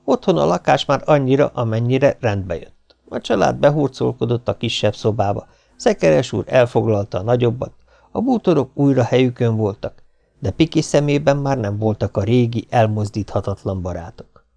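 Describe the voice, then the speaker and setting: Narrating a novel for an audiobook, a man tells the story in a steady, measured way. His voice sits in the mid-range and has some vocal fry.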